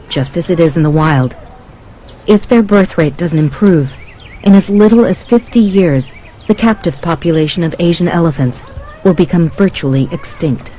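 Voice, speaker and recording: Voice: medium pitch, mellow, slight background noise, rough recording. A narrator reading a scripted nature documentary voice-over. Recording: voice-over with prominent music. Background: music.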